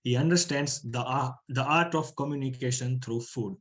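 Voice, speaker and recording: A man hosts an online session, reading formal welcomes and introductions. He has a mid-pitched voice and stumbles now and then with small fillers. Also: moderate pace, poor audio. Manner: formal, with hesitations. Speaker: host. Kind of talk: hosting an online talk.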